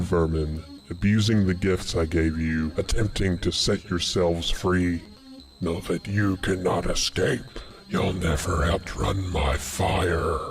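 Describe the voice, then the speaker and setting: A man voicing a deep, slow tyrant of darkness. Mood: threatening. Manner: scornful, domineering pronouncements. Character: menacing godlike male ruler of darkness and consumption. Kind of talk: dramatic spoken-word monologue.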